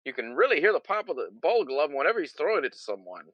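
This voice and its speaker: A man's voice: on the high side, big pitch swings, quick pace, no room sound, dull audio, voice pushed down. A man playing a cheerfully grim backwoods rancher on a comedic 1920s-style radio parody, drawling about grisly events. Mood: matter-of-fact.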